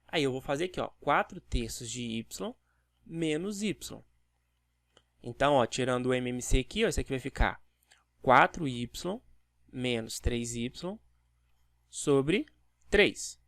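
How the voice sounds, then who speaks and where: Fairly high-voiced math teacher. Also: male voice, a bit bright, no echo, clean studio sound. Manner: explains step by step, with rhetorical questions to the viewer. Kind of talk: video math lesson.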